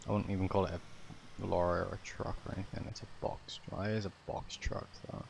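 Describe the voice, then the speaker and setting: A man's voice: low voice, level tone, quick pace, gravelly, darkish tone. A man giving casual, sweary commentary while driving, muttering to himself, recorded as dashcam audio inside a vehicle. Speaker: driver commenting on traffic. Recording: noisy in-car dashcam audio.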